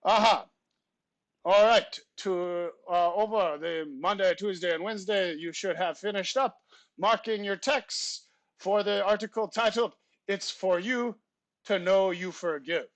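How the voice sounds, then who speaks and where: A man's voice: sits high, a little slow, no room sound. A man teacher voicing a pompous French substitute teacher in a put-on, exaggerated French accent, reading class announcements in stiff, formal phrasing. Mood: theatrical. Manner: formal, stilted phrasing with theatrical flourishes. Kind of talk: comic class announcements in character.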